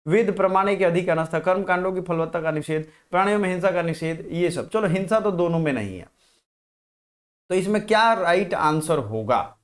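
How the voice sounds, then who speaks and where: A man with a somewhat high voice leads a live online exam-prep lesson. He keeps quizzing the viewers, pushes them to answer fast and reads out what they write in the comments. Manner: questions viewers directly and checks comments. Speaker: teacher.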